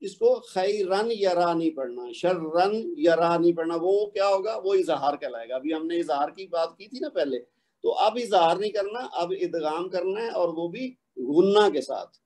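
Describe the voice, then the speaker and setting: Mellow-voiced Pakistani man teaching recitation. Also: sits high, animated. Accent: Pakistani Urdu. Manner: explains patiently, then recites examples slowly and drawn out. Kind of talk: online tajweed lesson.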